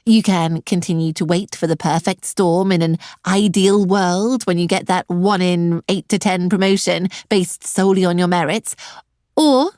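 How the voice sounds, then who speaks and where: A woman's voice: on the low side, steady tone, normal speed, a little mellow, no echo. A middle-aged woman hosting an online career webinar, talking directly to her viewers with a dry, sarcastic edge. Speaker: webinar host and career coach.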